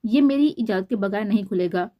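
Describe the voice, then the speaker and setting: A woman voicing a scheming, cruel young man who speaks softly and menacingly, read from a storybook. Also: medium pitch, no echo, lo-fi sound, close to an everyday voice. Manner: soft, menacing, mock tender.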